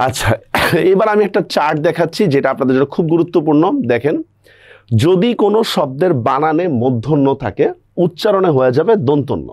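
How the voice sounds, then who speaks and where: Teacher explaining pronunciation rules. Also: male voice, on the high side, expressive, fairly quick, a little mellow, no echo, clean studio sound. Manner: explains step by step, checks understanding often. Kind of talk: grammar lesson.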